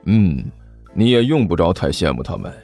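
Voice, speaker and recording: A bored, boastful demon overlord drawls in a lower, dismissive voice, as a male storyteller puts him on. He brushes off whatever he hears and brags without effort. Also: very animated, normal speed, warm tone, faint music behind, exaggerated voice. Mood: smug. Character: lazy, smug male demon king.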